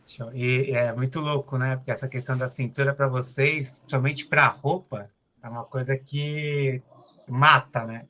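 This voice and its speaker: A man's voice: medium pitch, fairly even intonation, moderate pace, pushed and bright. A man with a Brazilian Portuguese accent, a personal trainer hosting a casual interview in an upbeat, eager coaching tone.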